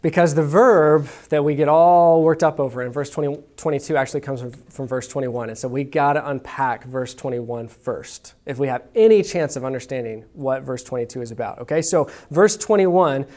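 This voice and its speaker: A man's voice: medium pitch, normal speed, hardly any pauses, darkish tone. A man preaching a sermon to a congregation in a casual, conversational way, often checking in with "okay?". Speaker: pastor. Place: church room with congregation.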